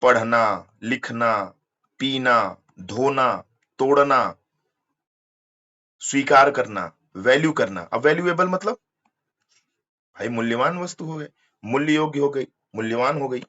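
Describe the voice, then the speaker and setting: A man's voice: medium pitch, expressive, slow, pauses often, pushed and bright. Guy teaching english, spells stuff out letter by letter, kinda dull lo-fi audio. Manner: explains step by step, spells words letter by letter. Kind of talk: exam-prep lesson.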